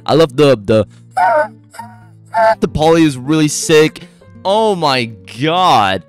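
A man's voice: a little high, slow pace, smooth, soft background music. A man hosting a beatbox reaction video, talking casually and rambling with fillers. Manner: excitable, gushing exclamations, rambling with fillers.

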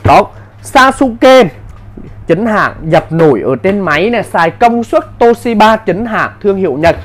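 A man giving an insistent hard-sell live sales pitch as a seller, in short, repetitive bursts. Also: animated, moderate pace. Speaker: live-sale seller of power tools.

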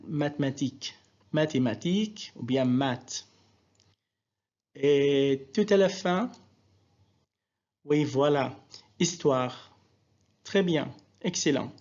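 A man's voice: a little high, drawn-out words, long pauses, a little mellow. A man teaching a French lesson and switching into Arabic to explain, patiently repeating and drawing out example words for his students. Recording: dull lo-fi recording.

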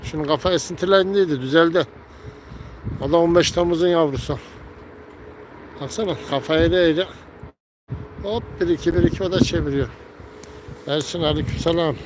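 A man talking casually as he flies and tends his pigeons, calling them back and scolding loudly, recorded outdoors by a coop. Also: a little high, a little fast, pauses often, noisy background. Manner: calls birds with repeated gel, gel and whistles, scolds loudly. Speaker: pigeon keeper. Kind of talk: casual narration while tending pigeons.

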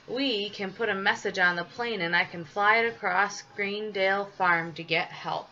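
An eager, clever young boy in a storybook, keen to help, as a woman reading aloud puts him on. The bright voice comes through a slightly dull recording with faint hiss. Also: medium pitch, moderate pace, lightly acted.

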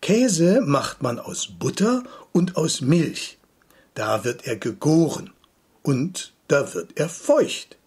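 A man's voice: on the high side, sing-song, slow, darkish tone, breathy edge, exaggerated voice. A man voicing a pompous, impatient father who lectures and brushes off his son. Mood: lecturing impatient. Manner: condescending explanations, brusque orders.

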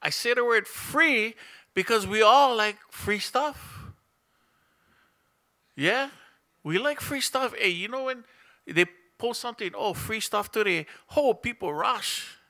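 The speaker is a middle-aged pastor whose Hawaiian Pidgin-tinged accent carries a high, sharp-toned voice with lively intonation, delivered slowly. He sits at a stand mic in a small church room, preaching conversationally and asking the congregation questions.

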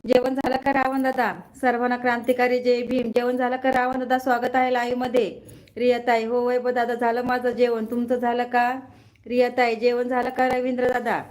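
A woman hosts a casual live stream from her phone, greeting viewers by name, reading their comments aloud and checking that her sound is coming through. Her voice is a little high, monotone and darkish, at a moderate pace, and the recording is low quality.

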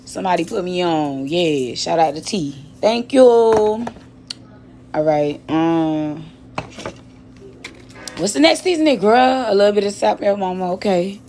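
A young woman from Miami prepares fish in her home kitchen for a cooking vlog, talking in a fairly low, warm, animated voice at a measured pace with long pauses. She's chatty and slangy and repeats words while cooking, and soft music plays in the background.

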